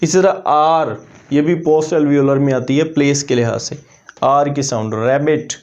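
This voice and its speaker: A man teaching an English language lesson, explaining methodically and repeating example words slowly to demonstrate them. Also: on the high side, steady tone, darkish tone, dull audio.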